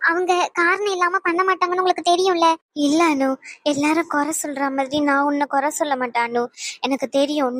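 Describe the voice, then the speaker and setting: A woman voicing a gentle, tearful young wife who pleads softly, in a cartoon. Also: high voice, no echo, close to an everyday voice. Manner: soft, pleading. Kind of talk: animated cartoon voice acting.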